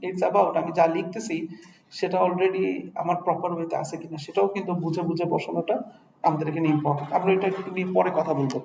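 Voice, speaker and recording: A man's voice: sits high, fairly even intonation, quick pace, creaky, darkish tone. A man with a Bangladeshi accent teaching an English test class in a classroom, mixing English words into Bengali and often asking the students checking questions. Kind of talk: classroom lecture. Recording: echoey room, faint noise.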